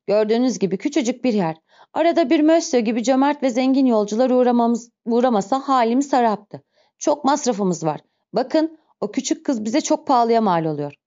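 A woman's voice: a little high, lively intonation, moderate pace, warm tone, pitched above the performer's own voice, lightly acted. A woman reading an audiobook voices a greedy, scheming female innkeeper who whines and wheedles. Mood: pleading. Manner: whiny, pleading, then gushing. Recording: dull lo-fi recording.

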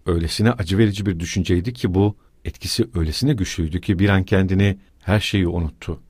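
A man narrating a novel in a measured storytelling way, voicing each figure. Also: low-pitched, a little mellow, husky, no echo, clean studio sound. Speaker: audiobook narrator. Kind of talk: literary narration.

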